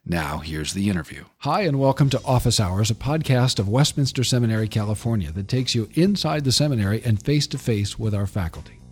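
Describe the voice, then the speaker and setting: A man hosting a podcast interview, speaking in a measured way with some hesitations. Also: fairly low pitch, animated, a little mellow, breathy edge. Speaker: podcast host.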